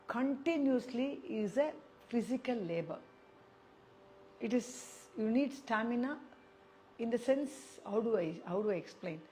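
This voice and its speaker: A woman's voice: a little high, a little mellow, a little hiss or hum. A woman with a South Indian accent teaching singing, explaining step by step and repeating syllables and phrases to demonstrate. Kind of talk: spoken music lesson with sung syllable demonstrations.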